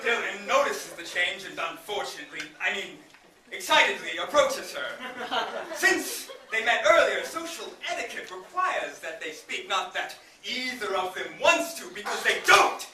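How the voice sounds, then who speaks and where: A young man narrating a live stage comedy in a mock-dramatic way, at times shouting protests at the characters. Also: sits high, big pitch swings, normal speed. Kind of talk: comic improv narration. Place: theater stage with a live audience. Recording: echoey stage from far off, noisy, laughing audience.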